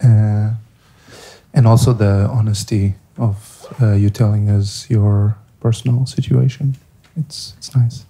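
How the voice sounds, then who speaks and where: A man with a Portuguese accent puts a question to a filmmaker from the audience. He talks slowly and politely, pausing on many fillers, and his voice is dark and low. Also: steady tone, husky. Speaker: audience member asking a question.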